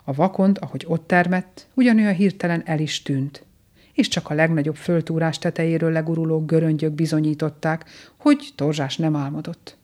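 A woman narrates a children's animal story in a calm, gentle, measured voice. Her pitch sits very low for a woman, giving the telling a soft, grounded feel.

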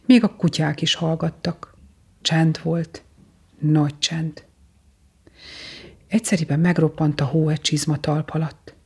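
An adult reading a children's Christmas story aloud in a gentle, expressive way. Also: medium pitch, breathy edge. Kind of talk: storybook narration.

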